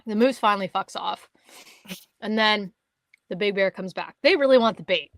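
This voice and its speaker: A woman's voice: medium pitch, moderate pace, no room sound. A woman from Canada, co-hosting a casual podcast, tells a story with lots of energy, swears freely and acts out what others said. Her voice sits in a middle range. The sound is dry and close, with almost no room around it. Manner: animated, swearing, acting out quotes. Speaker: podcast co-host.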